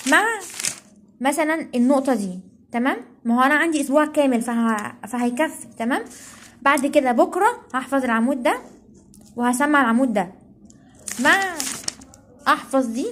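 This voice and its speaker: A woman's voice: sits high, a little hiss or hum. A young woman with an Egyptian Arabic accent giving casual study tips as a tutor while writing, checking in with "okay?" constantly and correcting herself as she goes.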